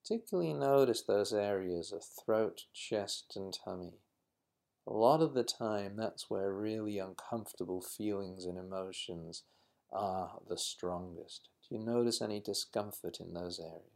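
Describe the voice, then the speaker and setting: A man leading a guided mindfulness exercise in a slow, calm, instructive manner. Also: fairly low pitch, creaky. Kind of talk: guided meditation.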